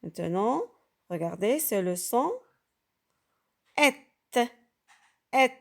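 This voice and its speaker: A woman teaches French sounds to beginners, very slowly and deliberately, with a gravelly edge to her voice. She repeats each sound patiently and often pauses to check that her listeners understand. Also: medium pitch, lively intonation. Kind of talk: slow, carefully articulated lesson for beginners.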